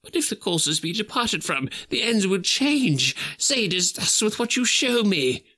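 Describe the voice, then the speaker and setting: A man voicing an old miserly gentleman who pleads in a high, strained voice. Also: very animated, unhurried, heavily acted. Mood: pleading. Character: old miserly man, terrified then overjoyed.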